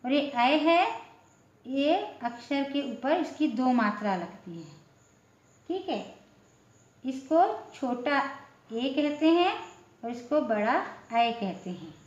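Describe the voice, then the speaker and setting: A high-pitched woman teaches at an unhurried pace, asking her class a question and then answering it, repeating each word. The recording sounds dull and lo-fi, with a noticeable echo of the room. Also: very animated. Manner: slow, repetitive, asks questions then answers them. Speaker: Hindi teacher. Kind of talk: classroom-style lesson explaining letters.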